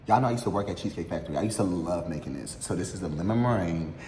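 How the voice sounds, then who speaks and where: Rapid-fire and lively in intonation, the man's low, mellow voice carries a casual mukbang and chat. He talks candidly, slinging heavy slang and cursing freely. Long reverb from an echoey room and faint noise color the sound.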